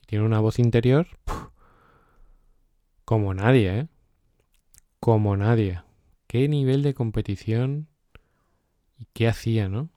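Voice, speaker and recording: Male host, low mellow tone, casual storytelling chat. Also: slow, long pauses, no room sound, clean studio sound. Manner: animated, storytelling with quoted asides. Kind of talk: casual chat about a self-help book.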